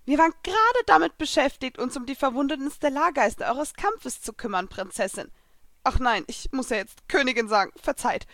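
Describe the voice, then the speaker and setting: A woman's voice: high voice, expressive, brisk, a bit bright, no echo, clean studio sound, voice pushed up. A woman voicing a polite young female maid spirit in a storybook reading, formal and deferential in tone. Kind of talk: audiobook fan fiction reading.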